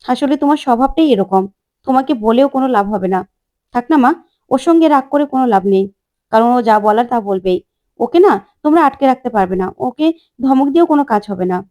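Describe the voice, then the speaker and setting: A woman voicing a meek, gentle young woman in a retold family serial. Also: fairly high pitch, lively intonation, fast, lightly acted. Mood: resigned.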